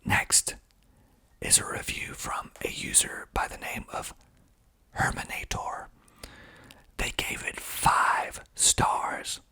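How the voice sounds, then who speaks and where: A filmmaker and actor hosts an ASMR video, reading aloud in a breathy, mostly unvoiced whisper. His delivery is deliberate, broken up by wry, deadpan asides.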